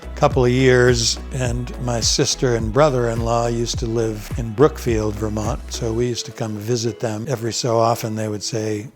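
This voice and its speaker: An older man telling his story in an interview as a sculptor, in an unhurried, thoughtful way with pauses as he recalls. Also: mid-range voice, flat delivery, faint music behind.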